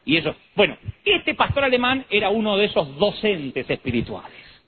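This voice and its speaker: An Argentine man in his thirties delivering a humorous sermon in an animated, digressive way. His voice sits fairly high and swings widely in pitch. The recording is thin and phone-like, with a faint hiss underneath. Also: normal speed. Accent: Argentine Spanish. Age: 30s. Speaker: pastor. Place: conference hall. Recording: tinny lo-fi recording with faint noise.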